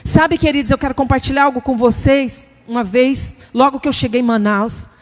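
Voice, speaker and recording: A middle-aged woman from Brazil preaching a testimony sermon, telling her story in an animated, conversational way and acting out inner voices. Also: high voice, fairly quick, in a large hall.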